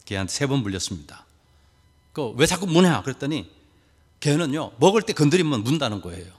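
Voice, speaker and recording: A male pastor delivers a sermon with an animated, widely swinging pitch. He keeps asking the congregation rhetorical questions and drops in folksy, humorous asides. His voice carries the long reverb of a large hall. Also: a little fast, breathy edge.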